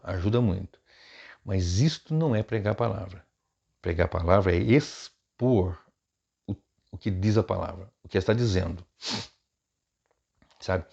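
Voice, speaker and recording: A pastor talks off the cuff, his voice low and gravelly. His manner is chatty and informal, full of quick asides and tag questions. The recording sounds dull and lo-fi. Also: a little mellow. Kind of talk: unscripted preaching advice.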